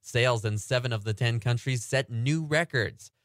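A man anchoring a radio farm report, reading agricultural news and market prices in a steady newsreader delivery. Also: mid-range voice, normal speed, no echo, studio quality.

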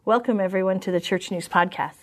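A woman's voice: mid-range voice, a little fast, a crowd in the background. Woman hosting an interview podcast. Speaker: podcast host and news editor. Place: around a table with a group of guests.

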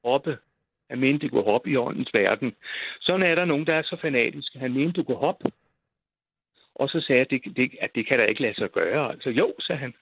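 A man's voice: medium pitch, lively intonation, creaky, husky. An older man telling a personal story in a rambling way, full of hesitations and repeated words. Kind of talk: casual storytelling. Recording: tinny phone line.

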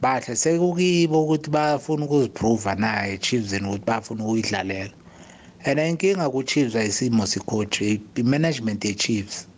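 A South African man speaks as a caller on a sports phone-in. His pitch is average for a man. He is casual yet emphatic, repeating words to stress his points. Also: brisk. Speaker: radio call-in listener.

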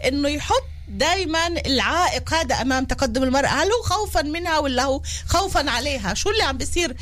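Quick-talking woman hosting, slightly high-voiced. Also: lively intonation, a bit bright. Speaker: talk show host. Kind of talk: live interview hosting.

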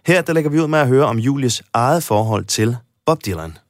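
This radio host, a man with a medium-pitched, expressive voice, reads a scripted introduction for his music talk show and then moves into a casual interview, chatting enthusiastically like a fan. The recording is dry, with a clean studio sound.

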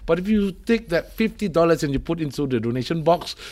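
Lively male host, Malay-English slang. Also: a little high, fast. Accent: Malaysian or Singaporean. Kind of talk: casual bantering chat.

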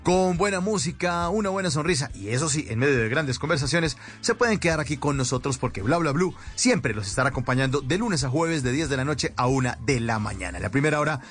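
A man's voice: on the high side, expressive, fairly quick, few pauses, a bit bright. A man hosting and introducing a live radio show.

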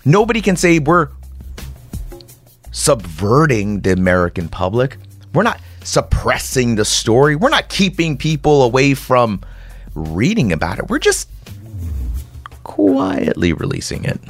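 A man delivering an impassioned, sarcastic monologue to listeners like a conspiratorial late-night rant, with rhetorical questions, repetition and dramatic pauses. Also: medium pitch, big pitch swings, faint music behind. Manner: dramatic pauses and repeated phrases. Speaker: commentator host.

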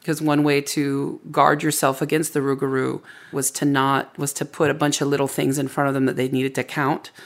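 Gravelly storyteller chatting about folklore. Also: medium pitch, flat delivery, moderate pace, few pauses. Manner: reflective, explanatory. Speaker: storyteller and author interviewed as a guest. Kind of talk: casual conversational storytelling.

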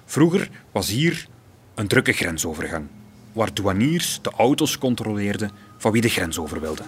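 A man's voice: lowish voice, sing-song, moderate pace, a little hiss or hum. A man with a Flemish accent reading scripted true-crime documentary narration as the host. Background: music.

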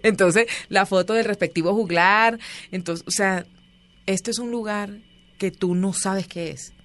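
A woman, a guest in an interview, telling stories in a lively, chatty way and acting out the voices of the people she quotes. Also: fairly low pitch. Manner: animated storyteller, acts out quoted voices. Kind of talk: casual interview storytelling.

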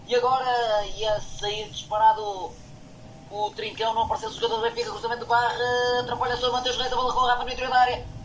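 A man with a European Portuguese accent giving fast, dramatic football commentary, sometimes hesitant, rising to excited cries. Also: very high-pitched. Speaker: amateur football commentator in a contest. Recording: distant mic, background noise.

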